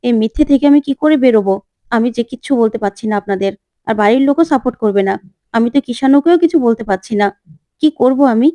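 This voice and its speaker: A woman's voice: fairly high pitch, fast talker, warm tone, no room sound, lightly acted. A woman voicing a troubled young woman who hides a secret and answers curtly.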